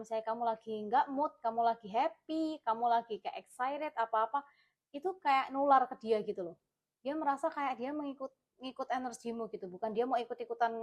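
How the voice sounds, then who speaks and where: A woman with an Indonesian accent giving a casual tarot reading, chatty and repetitive, full of fillers. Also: a little high. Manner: chatty, repeats herself, many fillers. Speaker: tarot reader.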